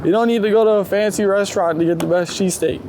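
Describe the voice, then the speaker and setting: A man with a high voice talks fast, casually and informally, swearing now and then, as a street photographer being interviewed outdoors on a walk. The recording is full of loud city street noise, with traffic and urban sounds behind him.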